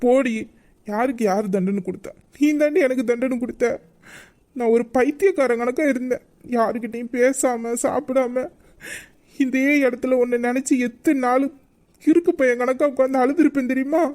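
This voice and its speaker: A woman's voice: sits high, fairly even intonation, moderate pace, mellow, natural voice. A woman voicing a hurt, proud young man in love, in a romantic audio drama, talking in a sulking, reproachful way. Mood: hurt, angry.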